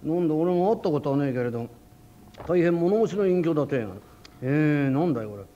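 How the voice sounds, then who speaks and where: A proud, hot-headed tofu shop owner who barks and blusters in rough old-town speech, as a man acts him out in rakugo. His voice sits fairly high and carries force. The old recording is dull and muffled. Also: expressive, quick pace, lightly acted. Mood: blustering. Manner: loud, rough, hot-tempered Edo-style talk. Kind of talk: rakugo storytelling.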